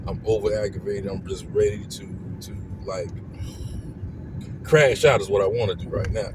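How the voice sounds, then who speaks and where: On a car ride home, a sick, stuffed-up family vlogger vents to his audience in a lowish voice at a moderate pace. His heated rant circles back on itself, punctuated by "you know what I'm saying," while road noise hums behind him.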